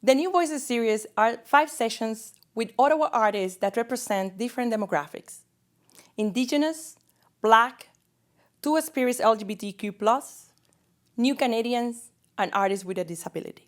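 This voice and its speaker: A woman's voice: fairly high pitch, normal speed. A woman hosting an online festival series, reading an introduction and then asking a guest questions. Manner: warm-up scripted intro then friendly questioning. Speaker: festival host, interviewer. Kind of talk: hosted interview.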